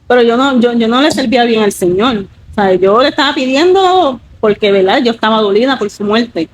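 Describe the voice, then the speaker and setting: Woman, 30s, slightly high pitch; earnest testimony with many fillers. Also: animated, brisk, low-quality recording. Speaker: guest giving a testimony. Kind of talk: emotional personal testimony.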